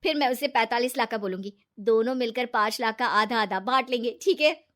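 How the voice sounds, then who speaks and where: A sly young woman schemer, as a woman narrator puts her on, coaxing her friend in a sweet but calculating way. The voice sits high. It is a storybook tale told by a single narrator. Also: fairly quick, fairly bright tone, close to an everyday voice. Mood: scheming. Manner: coaxing, persuasive, fake tears.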